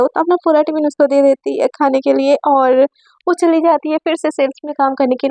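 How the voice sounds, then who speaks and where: Brief: chatty woman storyteller, high pitch, mellow tone, dry close recording. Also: no room sound. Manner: chatty, with many fillers and direct asides. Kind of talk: casual spoken storytelling.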